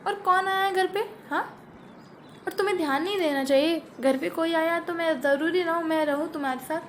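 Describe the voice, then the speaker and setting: A woman puts on a laid-back elder sister who teases gently and hatches pranks. Her voice is noticeably lower and softer than the bratty sisters, with an easy, coaxing tone. This is a homemade comic family sketch. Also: brisk, a little hiss or hum. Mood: amused. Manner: soft, amused, coaxing. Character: calm teasing elder sister, scheming.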